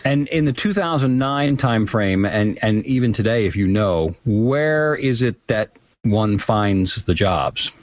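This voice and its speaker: A man hosting an interview, polite and quick to apologize for cutting in. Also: on the low side, animated, no echo. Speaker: interview host. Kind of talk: casual interview.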